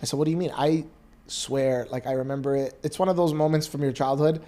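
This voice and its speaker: A man co-hosting a casual podcast, telling lively stories and acting out voices. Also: fairly high pitch, fast. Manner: animated storyteller, acts out voices. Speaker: podcast co-host. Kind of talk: casual chat.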